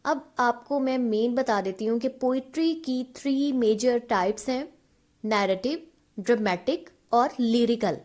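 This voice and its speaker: A woman teaching a literature lesson, reading definitions slowly and then explaining them in conversational Hindi. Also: a little high, darkish tone. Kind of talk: online lecture mixing Hindi and English.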